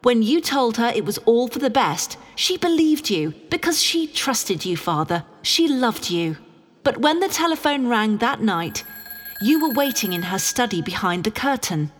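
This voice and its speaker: A woman playing a sharp amateur detective in an audio drama, with a theatrical, declamatory delivery. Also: a little high, very animated, moderate pace, a little hiss or hum. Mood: accusing. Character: Ginger, sharp accusing amateur woman detective, loving beneath. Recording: long hall reverb.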